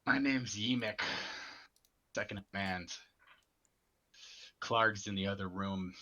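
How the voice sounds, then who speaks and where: A man voicing a creepy, raspy male goblin lieutenant who schemes to take over his gang. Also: lowish voice, takes it slowly, bright, forceful tone, heavily acted. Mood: scheming.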